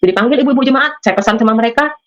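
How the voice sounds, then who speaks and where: A slightly high, very fast, somewhat bright female voice. She's a testimony guest from Madura, Indonesia, sharing a spoken religious testimony as a story, acting out the voices of the people in it and often speaking straight to her listeners.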